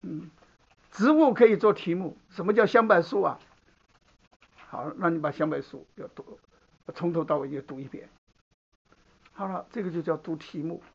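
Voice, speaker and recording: A man's voice: a little high, moderate pace, vocal fry, pauses often. A man preaching a Bible sermon, teaching conversationally and often checking in with the listeners. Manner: conversational teaching, asks the room "好不好". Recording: dull lo-fi recording.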